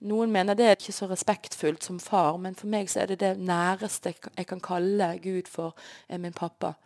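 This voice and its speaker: A woman's voice: on the low side, fairly even intonation, darkish tone. A woman sharing an earnest, emotional personal faith testimony as an interview guest. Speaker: guest sharing her life story.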